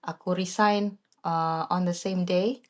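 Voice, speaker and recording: A young woman on a podcast tells a personal story, and her voice sits a little low. She slips back and forth between two languages, and she gets lively when she acts out what people said to her. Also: slow pace. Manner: mixes Indonesian and English, animated when quoting herself. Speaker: podcast co-host.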